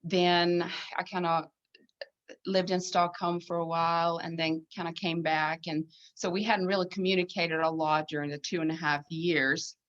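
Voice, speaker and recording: A needlepoint designer from Sweden in her fifties, speaking with a Swedish accent, chats casually as a podcast guest. Her voice is fairly low with a flat delivery and moderate pace, and the recording is muffled.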